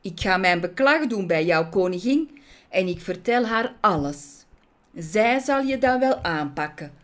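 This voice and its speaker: A woman voicing a stern, pompous old male bee judge who scolds loudly and indignantly. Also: on the low side, sing-song, slow.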